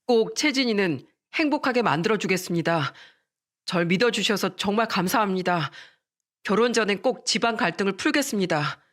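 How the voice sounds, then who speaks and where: A woman's voice: mid-range voice, lively intonation, a little fast, fairly bright tone, lightly acted. A woman voicing an earnest, resolute young man who is a doctor-to-be groom.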